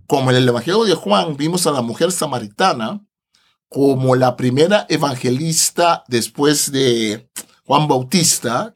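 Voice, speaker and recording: Brief: male podcast guest, high pitch, animated and laughing, walks through scripture conversationally. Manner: animated, laughs often, tags phrases with a questioning "no". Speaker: Bible translator, podcast guest.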